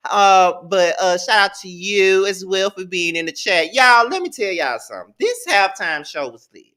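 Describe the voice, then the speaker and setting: A man, hosting a live-stream review in a sassy, playful and animated way. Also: high-pitched, normal speed. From Mississippi, US. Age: 30s. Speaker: livestream host.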